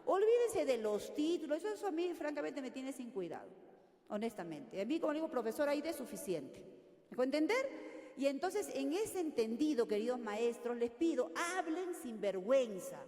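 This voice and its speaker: An older woman from Peru leading a teacher workshop, lively and constantly checking in with her audience. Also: sits high, moderate pace. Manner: animated, questioning audience often. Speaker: teacher trainer. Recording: echoey hall.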